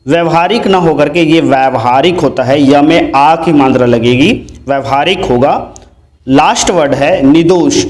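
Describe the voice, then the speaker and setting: A man's voice: a little high, darkish tone. A man teaching a grammar lesson, spelling words out letter by letter and repeating each one.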